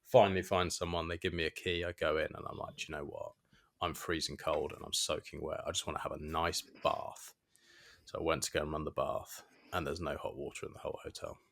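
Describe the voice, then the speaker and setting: A man co-hosting a podcast, an animated storyteller who swears for emphasis and laughs often. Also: very deep voice, brisk, gravelly. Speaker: podcast co-host. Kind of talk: casual chat.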